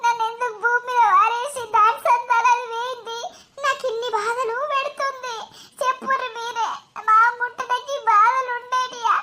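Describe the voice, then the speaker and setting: A woman acts out a very high, bright-voiced young bride in a village cartoon, motherless and full of self-pity. She laments tearfully with a lilt. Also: fairly even intonation, moderate pace.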